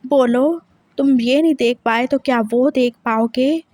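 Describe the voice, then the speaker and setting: A woman's voice: high-pitched, measured pace, a little mellow, no echo. Woman voicing an intense, pressing husband. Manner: pressing, repeats questions. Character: intense possessive young husband, man. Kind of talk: dramatic story reading.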